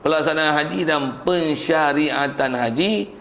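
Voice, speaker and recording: Gravelly Malaysian man teaching a religious class. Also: a little high, unhurried, fairly bright tone. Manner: conversational, asks and answers his own questions; jokes with the class.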